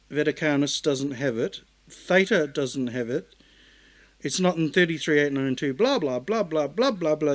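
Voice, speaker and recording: A man's voice: on the high side, a bit bright. A man vlogging casual commentary on Bible texts, sarcastic and rambling, often correcting himself mid-sentence. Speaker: YouTube vlogger.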